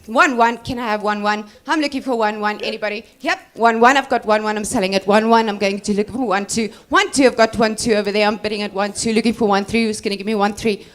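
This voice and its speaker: A woman's voice: mid-range voice, steady tone, fast, hardly any pauses. Woman working as auctioneer. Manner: repeats numbers while calling bids. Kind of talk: auctioneer bid-calling and presenting.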